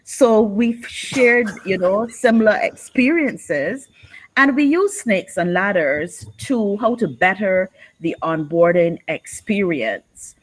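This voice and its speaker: A woman from Barbados with a Barbadian accent, reporting back to a workshop group in an unhurried, expressive storytelling manner. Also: mid-range voice, rough recording. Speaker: workshop participant.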